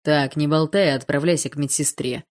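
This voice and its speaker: A man's voice: on the high side, steady tone, brisk, lightly acted. A woman voicing an angry, bossy male gym teacher who barks orders. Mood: commanding. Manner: barking orders.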